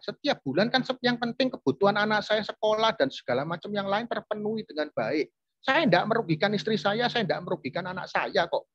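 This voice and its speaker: A man's voice: high-pitched, fairly bright tone, highs cut off, voice pushed up. A man voicing a self-justifying unfaithful husband who talks in a raised, indignant, insistent way.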